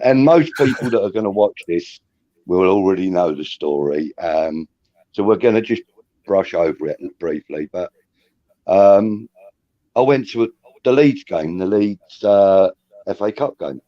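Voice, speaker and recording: A man's voice: low-pitched, unhurried, dark tone, no room sound. A man hosting a casual fan chat show, telling stories with lots of ums and laughs. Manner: chatty storyteller, laughs often, says um and uh. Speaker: host of a fan talk show. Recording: dull lo-fi recording.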